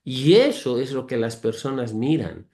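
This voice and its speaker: An earnest man with a mid-range, slightly mellow voice teaches Bible verses with lively intonation at normal speed. He reads the verses aloud, explains them, and lists virtues. He also uses homely, humorous comparisons and calls his listeners brothers.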